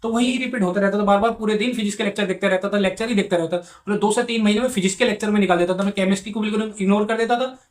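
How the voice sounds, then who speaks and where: Young male vlogger, higher-pitched, very fast and repetitive, earnest mentor tone. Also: steady tone. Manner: rapid, earnest, repetitive, addresses viewers as bhai sahab. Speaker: medical student giving exam advice. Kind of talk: casual advice vlog.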